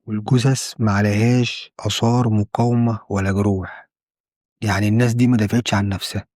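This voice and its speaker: Egyptian male storyteller, conversational true crime, low voice, dry. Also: flat delivery, fast, darkish tone, dry recording. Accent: Egyptian Arabic. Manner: conversational, repeats and restarts phrases.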